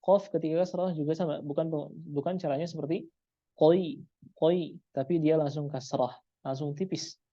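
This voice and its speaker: A man teaching pronunciation, repeating each sound slowly to demonstrate it, in a muffled lo-fi recording. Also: on the high side, steady tone, dark tone, dry recording. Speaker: Quran recitation teacher. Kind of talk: pronunciation lesson.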